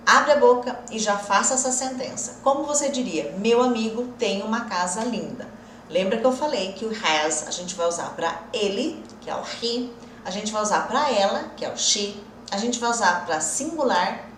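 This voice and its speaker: Brazilian woman, English teacher, encouraging, lively, fairly high voice, slowed-down example sentences, echoey room. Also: a little hiss or hum. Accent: Brazilian Portuguese. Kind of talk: online English lesson.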